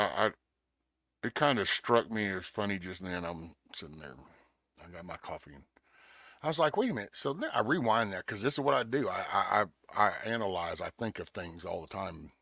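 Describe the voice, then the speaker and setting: A man's voice: low voice, normal speed, gravelly, sharp tone, no echo, studio quality. A man hosting a podcast in casual chat, rambling with stammered restarts and acting out what others said. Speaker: podcast host. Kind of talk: casual talk-show chat.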